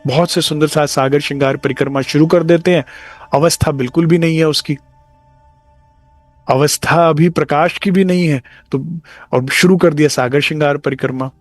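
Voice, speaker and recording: A man's voice: a little high, fairly even intonation, moderate pace, dry recording, soft background music. A man giving a devotional discourse as a spiritual teacher, talking conversationally and acting out short dialogues.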